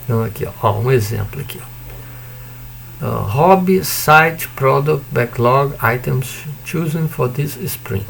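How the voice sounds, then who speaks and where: A man with a Brazilian accent teaches in a loose, conversational lecture, checking in with his listeners and tossing in mild swearing. His voice has a gravelly edge to it. A faint hiss of noise sits under the recording. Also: medium pitch, unhurried. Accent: Brazilian Portuguese. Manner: casual, chatty explaining with frequent "né?" and "tá?"; mild swearing and joking asides. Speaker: university lecturer.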